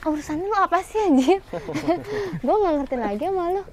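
A young woman hosting a casual vlog, asking curious questions and gushing with excitement. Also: extremely high pitch, moderate pace, crowd noise. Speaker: vlogger host. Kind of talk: casual vlog chat at a tiger enclosure.

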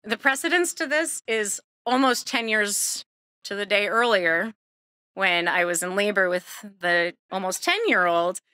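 Bright-voiced woman telling a funny story. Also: a little slow, no echo, studio quality. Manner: lively, laughing, acts out quoted people with big pitch jumps. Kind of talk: live personal storytelling on stage. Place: live stage event.

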